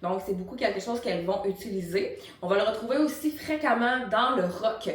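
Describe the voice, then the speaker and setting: A singing teacher and vocal coach with a Quebec French accent talks straight to the camera, walking viewers through an informal, encouraging tutorial. Her voice is medium-pitched and a little quick. The recording sounds roomy and echoey, as if the microphone sits far away.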